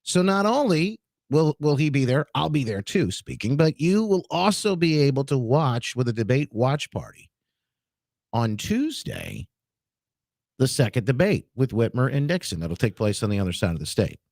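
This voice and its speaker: Brief: male talk radio host, animated swings in pitch, dry close studio sound, chatty. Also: normal speed, no echo. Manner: chatty, greets listeners by name. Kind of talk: casual talk radio chat. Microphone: studio microphone.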